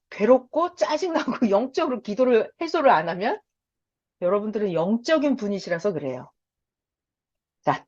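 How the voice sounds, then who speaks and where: A woman preaching with a lively, swinging voice set a little high. She repeats phrases for emphasis and slips into a bright, childlike tone when she acts out prayers. The recording sounds slightly dull and lo-fi. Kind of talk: sermon.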